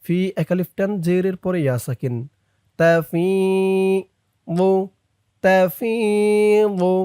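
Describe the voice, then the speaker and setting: A man teaching Quran reading who chants verses slowly and breaks them down syllable by syllable with short spoken explanations in between. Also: high voice, mellow, dry recording, clean studio sound. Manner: slow drawn-out recitation alternating with quick spoken explanations. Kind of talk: Quran recitation lesson.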